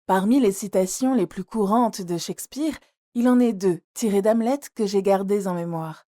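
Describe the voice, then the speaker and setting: A woman's voice: mid-range voice, normal speed, close to an everyday voice. Woman voicing a playful cultured young singer. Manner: polite, gently playful. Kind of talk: audiobook character reading.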